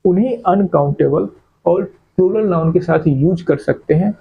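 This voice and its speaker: A man lectures on English grammar in a slightly husky voice, a touch higher than most men's. He asks rhetorical questions and answers them himself, repeating key terms as he goes. The recording sounds dull and lo-fi. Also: normal speed. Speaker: English teacher.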